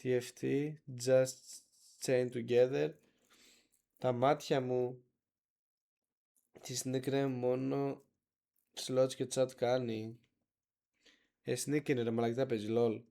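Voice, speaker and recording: A man's voice: mid-range voice, little pitch movement, vocal fry, pauses often, dark tone. A man streaming live, reacting to clips in a laid-back, slangy way, chatting to his viewers. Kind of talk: casual live-stream chat.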